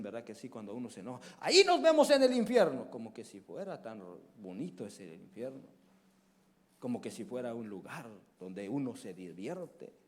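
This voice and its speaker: A male evangelist delivers a passionate sermon in a mid-range voice, sinking to hushed murmurs before swelling into loud cries. He frequently poses questions to the congregation.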